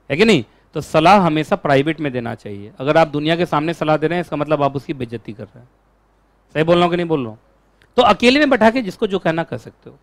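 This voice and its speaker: Lively high-voiced male law teacher. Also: dry recording. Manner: animated, asks the class constant questions. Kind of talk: classroom lecture.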